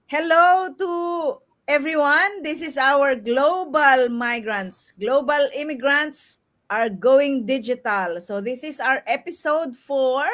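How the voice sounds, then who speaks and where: A woman hosting a casual live stream from her home, chatting warmly with Filipino fillers. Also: sits high. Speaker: host. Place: home in New Zealand.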